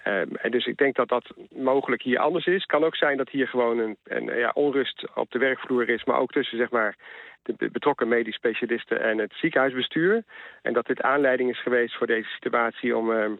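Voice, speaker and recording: A man's voice: mid-range voice, fairly quick, gravelly, no room sound. Hesitant man on a tinny phone line. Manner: hesitant, many fillers and restarts. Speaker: health economist guest. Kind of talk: phone interview on news radio. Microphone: telephone.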